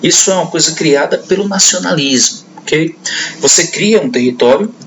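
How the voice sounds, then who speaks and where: Gravelly male teacher. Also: a little high, expressive, moderate pace, slight background noise, rough recording. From northeastern Brazil. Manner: conversational, checks in often with "né" and "ok". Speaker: history teacher. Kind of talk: classroom lecture.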